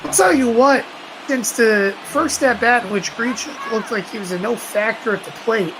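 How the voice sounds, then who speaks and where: A woman's voice: fairly high pitch, moderate pace, noisy background. A woman doing emphatic, conversational play-by-play baseball commentary on a live stream.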